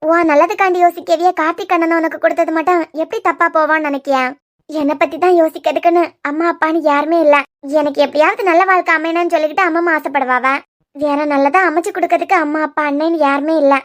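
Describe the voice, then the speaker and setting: A woman voicing Diya, high quick Kanyakumari-accented friend. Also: fairly even intonation. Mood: earnest. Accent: Kanyakumari Tamil. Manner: earnest, coaxing, quick-talking. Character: caring, frank young woman friend, Diya. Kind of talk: cartoon web series voice acting.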